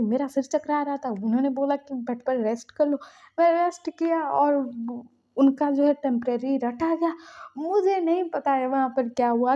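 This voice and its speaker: A woman's voice: high voice, warm tone, close to an everyday voice. A woman voicing a frightened young man who pleads and defends himself in a rush. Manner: pleading, rushed self-defense. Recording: dull lo-fi recording.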